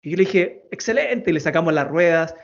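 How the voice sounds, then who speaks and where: A man in his thirties speaks as an interview guest, a storytelling coach who tells a personal story earnestly. He repeats words for emphasis, in a fairly high voice. The sound is dull and lo-fi. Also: steady tone, fast talker.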